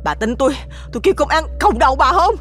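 Actress voicing an angry middle-aged mother, shrill scolding, voice swings high and low, lively delivery. Audio drama. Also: fast talker, soft background music. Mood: furious.

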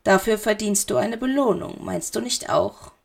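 A woman voicing a cold, silky male dark lord in a hushed, drawling voice in a spoken story. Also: medium pitch, normal speed, gravelly, husky. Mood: silky menace.

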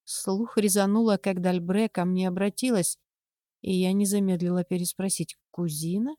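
Mellow-voiced woman narrating a story. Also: medium pitch, dry recording, clean studio sound. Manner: measured, expressive storytelling. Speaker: audiobook narrator. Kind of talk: scripted first-person narration.

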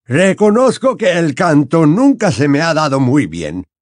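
A tipsy, pompous old wizard professor with a high drawl. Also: male voice, big pitch swings, measured pace, a little mellow, no echo, clean studio sound. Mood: flustered. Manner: slurred, drawling and hiccupy. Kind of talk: audiobook character voice.

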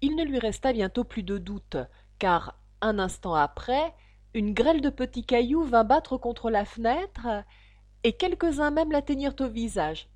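A woman narrating a children's storybook with expressive, animated reading. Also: fairly high pitch, unhurried, no echo. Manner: expressive reading, voices for each figure. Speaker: audiobook reader.

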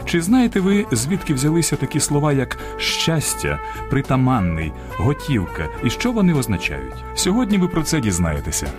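A man's voice: very animated, moderate pace. A man co-hosting a radio program, reading a script with emphatic delivery. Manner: emphatic, highly varied intonation. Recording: radio studio with faint music.

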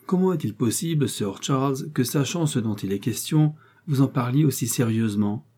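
A man's voice: medium pitch, fairly quick, warm tone, slightly rough, pitched above the performer's own voice, lightly acted. A man voicing a mischievous young man who talks in a laughing, playful way. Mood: teasing.

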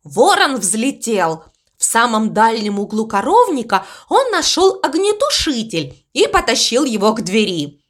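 A woman narrating a children's storybook aloud, expressive and unhurried. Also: on the high side.

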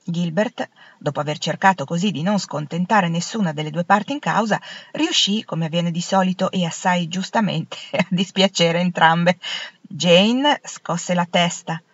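A woman narrating a novel as an audiobook reader, in a gentle, unhurried storytelling manner. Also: lowish voice, no room sound. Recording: dull lo-fi, dry.

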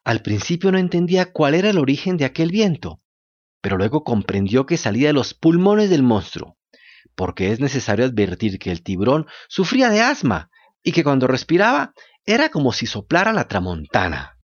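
Expressive male radio storyteller. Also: medium pitch, normal speed, highs cut off. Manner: dramatic, expressive reading. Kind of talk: scripted radio story narration.

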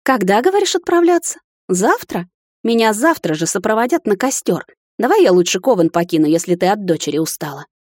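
A woman's voice: mid-range voice, sing-song, a little fast, darkish tone, no room sound, clean studio sound, pitched above the performer's own voice. A woman voicing a headstrong young witch who protests indignantly against her mother.

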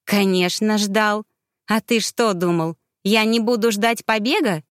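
A woman's voice: medium pitch, a little slow, fairly bright tone, no room sound, studio quality, natural voice. A woman voicing an arrogant, spiteful young boy heir with a sneering, haughty manner in an audiobook. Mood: gloating.

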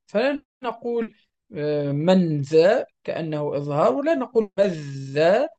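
A Quran recitation teacher leads a methodical, step-by-step lesson, repeating each example and drawing out the nasal sounds to demonstrate them. The voice is medium-pitched, sing-song and mellow, at a moderate pace.

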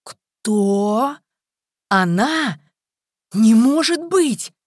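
The narrator voicing a male investigator in charge, shouting urgent orders. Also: high voice, lively intonation, takes it slowly, breathy edge, no echo, clean studio sound, exaggerated voice. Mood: shocked. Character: agitated male police investigator, loud boss.

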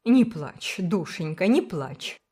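A woman voicing a brisk, kindly older village woman who speaks firmly and emphatically. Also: on the low side, big pitch swings, a little mellow. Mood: emphatic. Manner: firm, emphatic, motherly.

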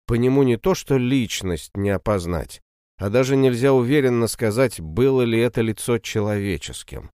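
A man narrating a fantasy novel in the first person, in a steady, even storytelling manner. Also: mid-range voice, moderate pace, smooth, no echo, clean studio sound. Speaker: audiobook narrator.

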